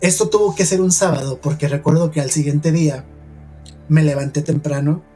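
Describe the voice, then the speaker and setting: A man with a Mexican accent tells his own eerie experience on a podcast, speaking earnestly and quietly and circling back with fillers. His voice sits a little high but sounds dark and mellow. Soft music plays faintly behind him. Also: moderate pace. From Mexico, San Luis Potosí. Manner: earnest, hushed storytelling with many "o sea" fillers. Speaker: podcast host telling a personal paranormal story. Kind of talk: podcast storytelling conversation.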